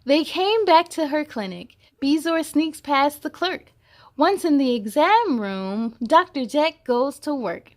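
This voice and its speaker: Hosting a children's story time, a woman reads a picture book aloud slowly in a high, expressive voice. She speaks directly to young listeners, asking questions and adding exclamations.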